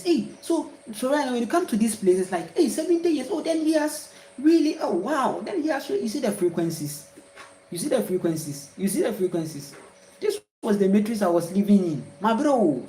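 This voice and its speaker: This spiritual speaker is a Ghanaian-accented woman with a warm, mid-range voice. Her monologue wanders, circling back on itself and punctuated by forceful exclamations, captured in poor audio with a roomy feel and slight hiss or hum.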